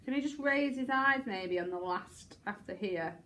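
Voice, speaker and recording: A woman drama teacher directing a rehearsal in a classroom, brisk and encouraging as she suggests actions. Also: mid-range voice, lively intonation, sharp tone.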